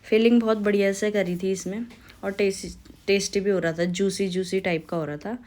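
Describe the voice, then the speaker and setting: A woman's voice: mid-range voice, fairly even intonation, a little fast, a little mellow. A young woman from India with a Pahari Hindi accent, vlogging casually at home with a phone camera, chatting and cooing at her toddler.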